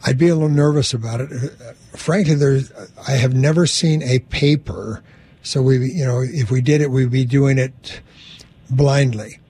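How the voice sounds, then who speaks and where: A man's voice: medium pitch, normal speed, dark tone, slightly rough. A man hosting a medical call-in show, giving plainspoken advice step by step. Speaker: doctor and radio host.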